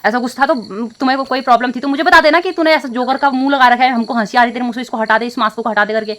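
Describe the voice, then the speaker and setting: A young woman speaks fast and somewhat high to her phone camera, upset and rambling. She restarts her sentences often and fills the gaps with hesitations. Her talk is an unscripted casual vlog. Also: fairly even intonation, a bit bright. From India. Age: young adult. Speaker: vlogger.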